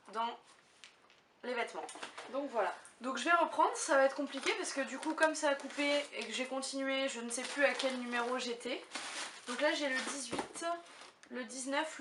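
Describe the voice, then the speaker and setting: The recording is roomy and a touch distant, with faint noise, capturing a woman whose voice is fairly high and sharp in tone. Chatting casually to camera as she unboxes gifts, she gushes and thinks aloud throughout.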